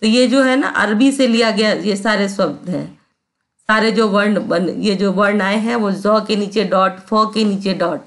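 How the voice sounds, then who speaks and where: A woman's voice: mid-range voice, measured pace. A woman teacher giving a grammar lesson, patient, repeating sounds and often checking that students understand.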